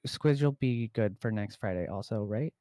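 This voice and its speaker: A man running a tabletop game as game master, narrating in a relaxed way with lots of fillers. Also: on the low side, normal speed, no echo, studio quality.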